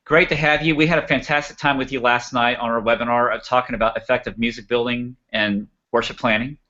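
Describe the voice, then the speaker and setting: A man hosting a live web show, talking fast and enthusiastically in a radio-announcer manner. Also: mid-range voice, steady tone, bright, forceful tone, muffled recording. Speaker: show host.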